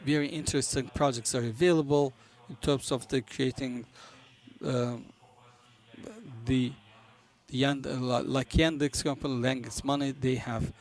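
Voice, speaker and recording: A man who is not a native English speaker gives a business conference presentation, halting as he searches for words. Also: mid-range voice, fairly even intonation. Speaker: conference presenter for a banking software company.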